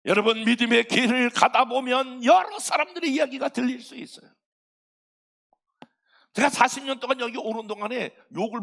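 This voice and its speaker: 60대 남자 목사가 교회 예배당에서 농담을 섞어 가며 회중에게 직접 말을 건네듯 설교한다. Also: male voice, very high-pitched, vocal fry, fairly bright tone. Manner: folksy, joking, talks straight to the congregation. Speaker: pastor. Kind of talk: sermon. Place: church sanctuary.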